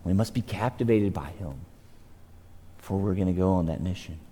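A man's voice: normal speed, mellow. Earnest male preacher in a reverberant hall. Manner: earnest, repeats words, rises and drops in pitch for emphasis. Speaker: pastor. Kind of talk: sermon. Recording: long reverb of a church hall.

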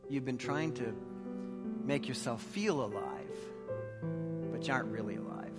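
A man's voice: medium pitch, unhurried. A man preaching a church sermon and praying in an emphatic, exhortative way, with short repeated phrases and rhetorical questions. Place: large church hall. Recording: large reverberant hall, music behind.

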